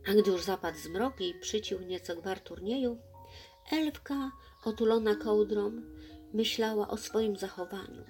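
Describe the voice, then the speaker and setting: A woman narrating a children's fairy tale in an expressive, soft storytelling voice. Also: medium pitch, unhurried, soft background music. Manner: expressive, soft-toned reading.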